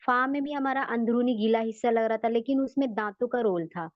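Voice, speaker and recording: A woman teaching a tajweed lesson online, patiently repeating letter sounds slowly to demonstrate. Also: on the high side, dry recording, highs cut off. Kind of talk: online Quran recitation lesson.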